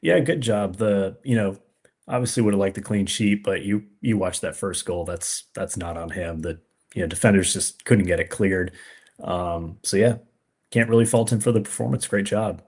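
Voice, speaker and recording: A man co-hosts a casual soccer podcast. He breaks down the match in a measured, thoughtful way. His talk is full of easy fillers like "um" and "you know.". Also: fairly low pitch, darkish tone, slightly rough. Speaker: podcast co-host. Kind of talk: casual sports analysis chat.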